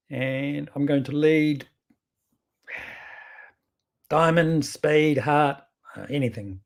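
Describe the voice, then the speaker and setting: A man's voice: medium pitch, darkish tone. A man with a strong New Zealand accent gives casual game commentary, thinking aloud in an informal, rambling way and often correcting himself. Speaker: bridge player presenting his own videos.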